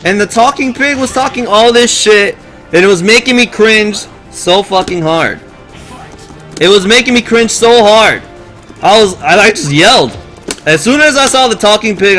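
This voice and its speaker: A man's voice: high voice, sharp tone. A man ranting in casual, profane, exasperated talk to his live-stream viewers, telling a story with lots of animation.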